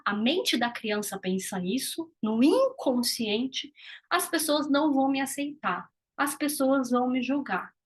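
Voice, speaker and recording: A woman's voice: high-pitched, fairly bright tone, breathy edge. A woman, a communication mentor giving an earnest motivational talk, explaining things and asking the listener questions.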